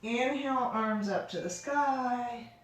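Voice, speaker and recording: A woman with a fairly high voice leads a yoga class. She gives careful, unhurried cues with easy, encouraging informality. The room is very echoey and she sounds distant from the microphone. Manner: careful, unhurried, gentle step-by-step cueing. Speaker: yoga instructor. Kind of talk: guided yoga class instruction.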